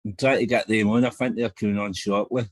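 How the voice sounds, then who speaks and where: A man hosting a podcast, asking questions in a relaxed, casual way. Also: fairly low pitch, fast talker, dry recording. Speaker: podcast host.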